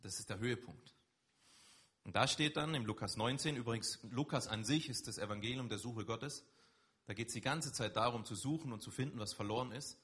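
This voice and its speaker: A man's voice: medium pitch, fairly quick, fairly bright tone, husky. A man giving a sermon in a conversational, emphatic way, his voice lifting on stressed words. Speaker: preacher.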